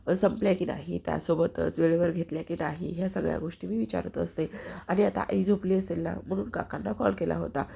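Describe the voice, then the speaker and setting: Woman narrator doing a young wife dodging questions, defensive, husky gravelly voice. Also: on the low side, steady tone, brisk, warm tone, heavily acted. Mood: evasive. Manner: defensive, evasive. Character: evasive young wife making excuses.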